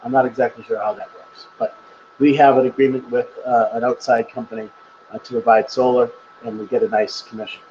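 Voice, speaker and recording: A man's voice: mid-range voice, level tone, a little fast, a little mellow, dull audio, slight background noise. A man presenting on a live stream, answering viewer questions in a chatty, rambling way and laughing at himself. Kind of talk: casual live Q&A. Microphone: webcam or laptop mic on a live stream.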